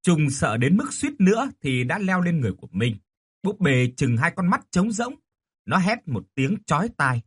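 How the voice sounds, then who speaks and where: A man reading a horror audiobook with an expressive, dramatic delivery. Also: fairly high pitch, moderate pace, husky. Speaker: narrator.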